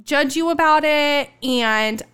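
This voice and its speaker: A woman's voice: high voice, slow, fairly bright tone. A woman in her late twenties in a casual, reflective podcast chat, often using "like" as a filler. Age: 20s. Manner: reflective, heavy use of "like" fillers.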